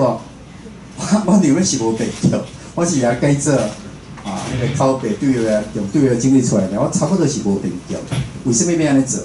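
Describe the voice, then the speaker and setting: In an informal public lecture at an indoor venue, a Taiwanese-accented radio station director and show host speaks conversationally at medium pitch. He often directs questions at the audience, and the recording has roomy echo with faint background noise.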